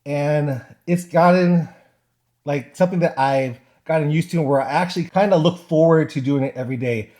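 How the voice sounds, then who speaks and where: A man's voice: fairly high pitch, normal speed, darkish tone. Shivering man vlogging in cold water. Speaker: product reviewer. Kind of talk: casual vlog chat.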